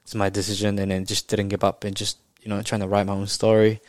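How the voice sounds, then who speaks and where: A man from Japan, a native Japanese speaker, chatting casually as an interview guest, halting and repeating phrases, with some Kiwi slang. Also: fairly low pitch, completely flat delivery, no room sound. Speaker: podcast guest, rugby player.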